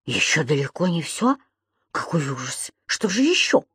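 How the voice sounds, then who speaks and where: A woman's voice: fairly high pitch, expressive, unhurried, darkish tone, no room sound, studio quality. A woman voicing a timid, flustered grown man who stammers and hesitates.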